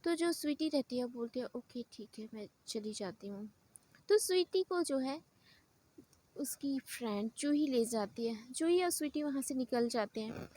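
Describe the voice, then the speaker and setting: Female storyteller, high voice, casual and chatty retelling.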